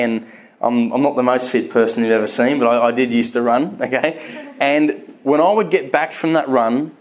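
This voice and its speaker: Medium in pitch, a man in his thirties talks candidly and earnestly about faith to a live crowd. A stutter leads him to restart his words often.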